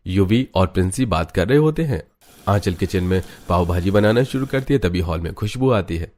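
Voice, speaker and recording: A man's voice: deep voice, lively intonation, normal speed, darkish tone. A man narrating a scripted Hindi family drama in a plain storytelling delivery.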